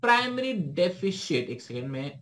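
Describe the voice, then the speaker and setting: A young man with an Indian accent teaching exam prep in a brisk, chatty way. His voice sits notably high. He poses questions and then answers them himself, and he slows right down to read the English question text. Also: very animated, a bit bright, a little hiss or hum. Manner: brisk explaining, slow careful reading of English questions. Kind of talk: exam-prep lesson talk.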